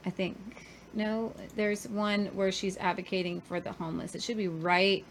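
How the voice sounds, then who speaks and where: A woman's voice: medium pitch, flat delivery, normal speed, noisy background. A woman hosting a podcast, giving casual commentary on viral videos. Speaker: podcast host.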